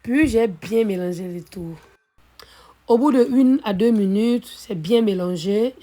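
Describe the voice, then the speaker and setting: A woman hosting a cooking video, calmly narrating each recipe step, her voice a little hoarse from being ill. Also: medium pitch, unhurried. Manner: calm, methodical, repeats set phrases. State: slightly hoarse from illness. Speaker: cooking channel host.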